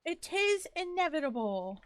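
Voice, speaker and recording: Playful high-voiced woman streamer. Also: big pitch swings, unhurried, no room sound. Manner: playful, giggly, swears casually. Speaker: livestreamer playing a game. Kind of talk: casual live game commentary.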